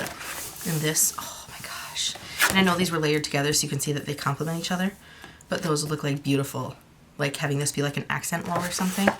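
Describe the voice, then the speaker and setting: A young woman chatting casually in a vlog, gushing and chatty, with soft whispered asides. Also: low-pitched, noisy background. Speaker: crafting vlogger.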